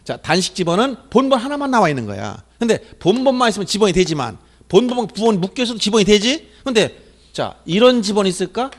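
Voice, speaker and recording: A middle-aged male lecturer with a high, lively voice that swings widely in pitch. He keeps firing questions at his class and answering them himself, in a brisk exam-coaching manner. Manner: animated, drills students with repeated questions and answers.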